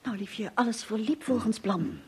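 A woman's voice: a little high, moderate pace, background noise, lightly acted. An actress in a 1950s radio drama, playing a composed, resourceful woman who helps a detective and explains things steadily. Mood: calm, explaining. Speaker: detective's wife in a radio play.

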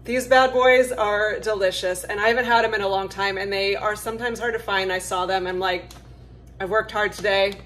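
A woman's voice: medium pitch, fairly even intonation, fairly quick, few pauses, fairly bright tone, low-quality recording. A woman chatting casually and upbeat to camera in a lifestyle vlog, with frequent "like" fillers, filmed at home and out on her porch. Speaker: lifestyle vlogger. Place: home kitchen and outdoor porch.

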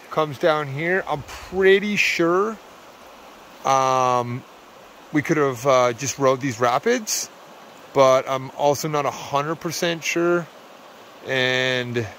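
A man's voice: mid-range voice, fairly bright tone, slight background noise. Tired, rambling man vlogging outdoors. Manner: easygoing, rambling, with fillers and laughs. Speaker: vlogger on a canoe trip. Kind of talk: casual outdoor vlog narration. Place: outdoors on a wilderness lake and river trip.

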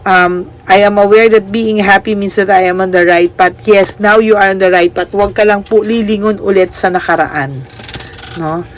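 A woman giving a tarot reading, gentle and reassuring, mixing Tagalog and English and checking in with "no?". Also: medium pitch, steady tone, normal speed, a little hiss or hum. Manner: gentle, reassuring, ends phrases with "no?"; mixes Tagalog and English, polite "po". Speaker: tarot reader.

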